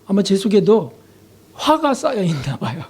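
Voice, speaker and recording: A man's voice: sits high, big pitch swings, normal speed, a little mellow, slightly rough. Male pastor, sermon, emotional confessional delivery, rhetorical questions, sudden drops to near silence. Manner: asks the congregation rhetorical questions.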